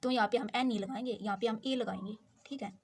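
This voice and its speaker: A woman with a somewhat high voice teaches grammar, going through each example slowly and repeating key points. She checks in with her listeners after nearly every step. Faint background noise and pen clicks sit under her voice. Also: darkish tone. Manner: slow, repetitive explaining with frequent check-ins. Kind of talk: explaining with examples in Hindi.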